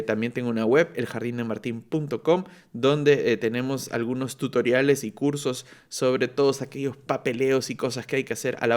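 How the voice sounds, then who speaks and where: A Peruvian man hosting a casual podcast, talking in a chatty way with many fillers and repeated words. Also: medium pitch. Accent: Peruvian Spanish. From Peru. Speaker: podcast host. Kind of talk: casual podcast intro and interview.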